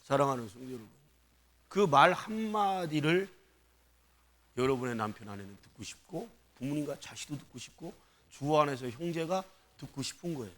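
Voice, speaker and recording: A man's voice: medium pitch, animated, moderate pace, fairly bright tone. A male pastor preaching a sermon in a church, questioning the congregation and calling for responses. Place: church sanctuary.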